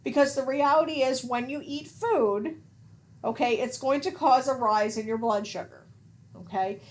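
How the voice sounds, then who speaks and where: A woman's voice: sits high, moderate pace. A woman nursing instructor giving a recorded lecture in a casual teaching manner, often checking in with "okay?".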